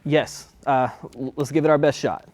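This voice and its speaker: A man's voice: mid-range voice, steady tone, moderate pace, a little mellow, natural voice. A man playing King Solomon as a laid-back, chatty guest on a talk-show skit. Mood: casual. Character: King Solomon, adult male king, friendly and casual.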